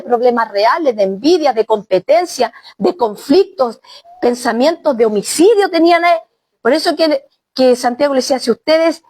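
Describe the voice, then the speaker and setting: A woman pastor preaching a sermon, often exclaiming and speaking straight to the congregation as brother and sister. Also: sits high. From Chile.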